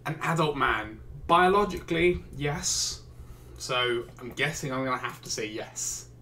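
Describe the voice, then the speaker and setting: This English YouTuber and streamer, from England, reads out questions during casual gaming commentary and answers with wry, exasperated jokes. His mid-range voice is bright and forceful, delivered a little slowly. There's slight background noise.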